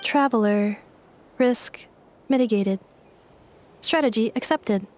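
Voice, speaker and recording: A woman voicing a calm female android who speaks in a formal, precise, mechanical way. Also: fairly high pitch, slow, a little hiss or hum. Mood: measured. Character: calm female android, literal-minded and polite.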